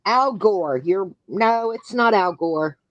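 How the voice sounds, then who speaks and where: Slow easygoing woman host chatting on a live stream, dull lo-fi sound. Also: mid-range voice, animated, dry recording. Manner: chatty, drawn-out, homey. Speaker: livestream host. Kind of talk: casual live chat.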